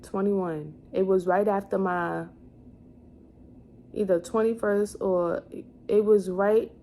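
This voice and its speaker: A woman's voice: mid-range voice, fairly even intonation, slow, warm tone. A woman in her twenties chatting casually as a vlogger, rambling as she thinks aloud and corrects herself. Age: 20s. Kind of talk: casual chat, answering questions to camera. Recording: clearly noisy room ambience.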